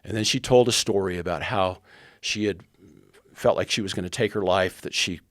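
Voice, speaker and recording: A man's voice: deep voice, moderate pace, fairly bright tone, no echo, clean studio sound. A man in his sixties, a podcast guest, earnestly retelling a historical story and quoting the people in it. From United States. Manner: earnest, retells events with quoted dialogue.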